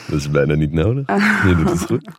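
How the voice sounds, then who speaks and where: Guy acting as a deep-voiced doting lover, teasing, erotic audio drama, bit of background noise. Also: big pitch swings, brisk. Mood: aroused.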